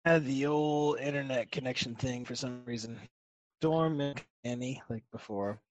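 A man's voice: mid-range voice, fairly even intonation, normal speed, rough recording. A man co-hosting a casual podcast chat from a video call, blunt and opinionated. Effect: remote voice on a video call over an internet connection. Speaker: podcast co-host.

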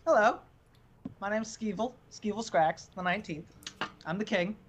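A woman's voice: mid-range voice, moderate pace, a little hiss or hum, lightly acted. A woman playing a very old, frail, affable king in a tabletop game, talking in a chatty, offhand way. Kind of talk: tabletop role-play.

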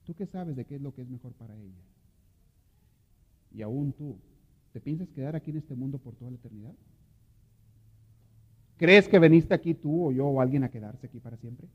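A man preaching a sermon as a priest, dropping to hushed murmurs and then rising to loud, impassioned pleading. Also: mid-range voice, animated, normal speed, long pauses, slightly rough. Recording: dull lo-fi audio with long hall reverb.

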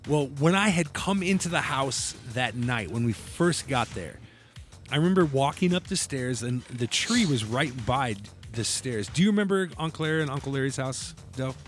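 A man's voice: medium pitch, lively intonation, moderate pace, faint music behind. A man co-hosting a casual podcast, telling a family story and acting out the quotes with laughs. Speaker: podcast co-host.

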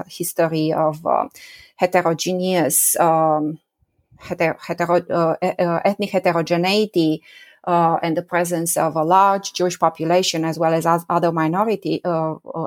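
A woman in her forties from Romania, with a Romanian accent, answering interview questions as a history professor, hesitant with many fillers and restarts. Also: on the low side. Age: 40s.

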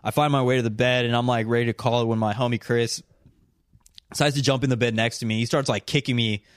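A man's voice: mid-range voice, fast, clean tone, dry recording. A young man with a Southern Californian accent telling a wild story in casual chat, swearing often and laughing as he goes. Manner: profane, laughing, animated storyteller. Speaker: podcast co-host.

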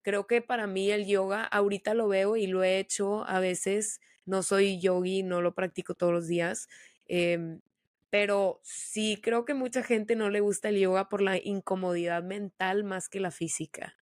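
A woman's voice: mid-range voice, fairly even intonation, no room sound, clean studio sound. A young woman hosting a podcast, chatting casually with slang. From Monterrey, Mexico. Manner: chatty, slangy, quick storytelling. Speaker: podcast host.

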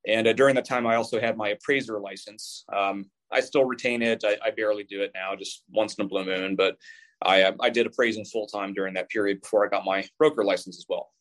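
Low-voiced man in his thirties, articulate. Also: steady tone, fast. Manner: articulate but with repeated restarts. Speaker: real estate broker guest. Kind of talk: casual interview.

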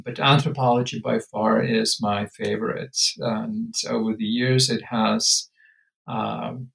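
A man's voice: medium pitch, gravelly, low-quality recording. A man in his fifties, born in Lithuania, speaking as an anthropology professor in an interview, thoughtful and full of hesitations. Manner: thoughtful, many hesitations and fillers. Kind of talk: academic interview.

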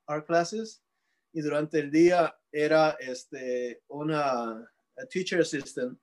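A man from Peru, a painter, telling a personal story in an interview, slipping into English words and often restarting his sentences. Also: a little high.

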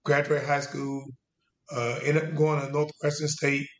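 A man in his forties tells his story as a guest, drawing out his words and circling back on himself with restarts. His voice sits a little high for a man. The room around him sounds echoey. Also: monotone, a little hiss or hum. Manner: casual Southern US speech, drawn-out and halting with restarts. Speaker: interview guest, veteran. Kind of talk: conversational storytelling. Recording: roomy echo.

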